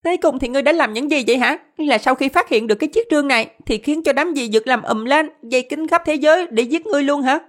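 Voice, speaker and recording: A man's voice: very high-pitched, quick pace, few pauses, fairly bright tone, pitched above the performer's own voice. A man voicing a small, curious rabbit spirit who questions in a cheeky, prying way.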